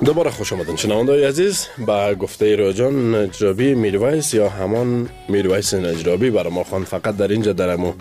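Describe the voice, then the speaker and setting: A man's voice: fairly low pitch, music in the background. A man co-hosting a call-in radio show, friendly and chatty, taking calls and joking with his co-host. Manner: friendly, chatty, laughs often.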